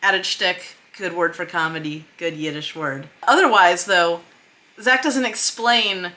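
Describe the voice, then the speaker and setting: A woman with a lowish voice, bright and forceful in tone, gives an unhurried screen-share writing lesson. She explains in a conversational way and reads script excerpts aloud, leaning on key words.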